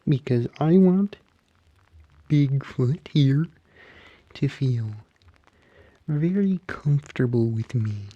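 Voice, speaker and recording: A man voicing an earnest, eccentric frog puppet in soft-spoken ASMR storytelling, with theatrical, halting pauses. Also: medium pitch, lively intonation, highs cut off. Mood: soothing, creepy. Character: Kermit-like male frog puppet, eccentric, earnest Bigfoot believer. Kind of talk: whispery ASMR storytelling and roleplay.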